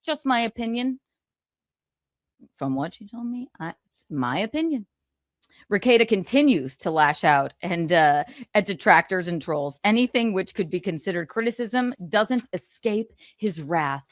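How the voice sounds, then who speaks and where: Expressive and unhurried, this medium-pitched streamer goes from casual chatting to reading book passages aloud with gloating, sarcastic, theatrical flair. The recording is dry and the studio sound is clean.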